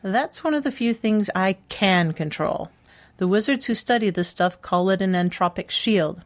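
A woman's voice: mid-range voice, lively intonation, normal speed, lightly acted. Woman as Callie, a sly, sincere succubus-blooded charmer. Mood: explaining, calm. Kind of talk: dramatized audiobook dialogue.

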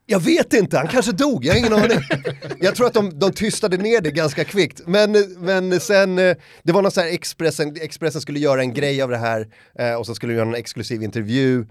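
A middle-aged podcast guest with a voice on the high side tells a funny anecdote in casual chat, pausing little. He's an animated storyteller who acts out other people's lines and voices, and the recording has no echo.

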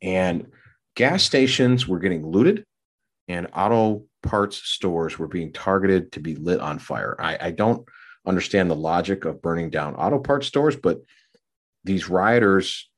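Very deep-voiced man telling a story. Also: lively intonation, measured pace. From Minneapolis area. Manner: rambling, with many fillers and restarts. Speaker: podcast co-host. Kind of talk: casual storytelling.

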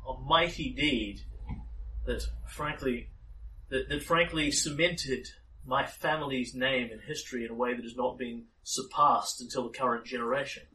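A man plays a proud, disdainful noblewoman in a tabletop game. The delivery is formal and measured, full of condescension. It is picked up at some distance from the mic, with faint noise. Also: mid-range voice, steady tone, sharp tone, natural voice. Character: haughty noblewoman, disdainful, proud of her lineage.

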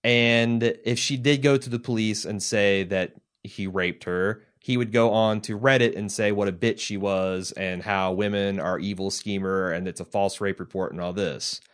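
A man's voice: fairly low pitch, steady tone, normal speed, few pauses, clear, resonant tone. Casual male podcast host recapping a TV episode. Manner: conversational, retelling scenes with quoted dialogue. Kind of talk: casual chat, reading listener feedback.

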